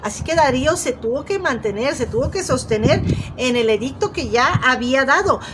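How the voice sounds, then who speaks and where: A woman preaches a sermon in a high voice. She retells the story and speaks straight to her listeners. She often stops and restarts her phrases, and a faint hiss sits under her voice. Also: poor audio. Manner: storytelling, addresses listeners directly, frequent restarts.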